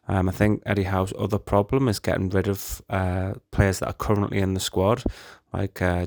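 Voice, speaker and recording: Very deep, flat-voiced man in a voice note. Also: dry recording, clean studio sound. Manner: measured, with frequent ums. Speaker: listener sending a voice note. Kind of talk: recorded voice note.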